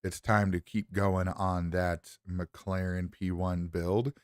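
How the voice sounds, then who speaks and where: A man's voice: deep voice, level tone, takes it slowly, no echo, clean studio sound. A man streaming casually in a groggy morning voice, rambling upbeat into a lapel mic. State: low morning voice. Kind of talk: casual livestream chat.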